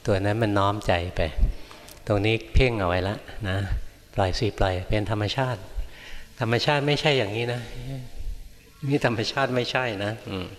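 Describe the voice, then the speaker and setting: An older man, a Buddhist monk teacher, guiding students with gentle, repeated checking questions in a monastery hall. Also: lowish voice, normal speed. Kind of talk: dharma Q&A guidance. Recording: echoey hall.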